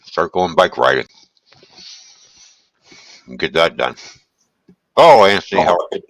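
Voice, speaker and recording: A man hosting a casual live stream, chatting in a relaxed, rambling way and greeting viewers while he eats. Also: deep voice, unhurried, dry recording. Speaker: livestream host.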